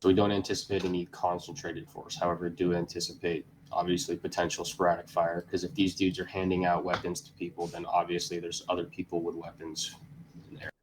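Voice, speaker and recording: A man with a very low voice leads a tactical mission briefing like a squad leader. His delivery is flat and even, grave and commanding, setting out each step matter-of-factly. Some faint noise sits behind him. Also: a little fast, rough recording. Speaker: squad leader giving a mission briefing in a military simulation game. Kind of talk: tactical mission briefing, semi-scripted explanation.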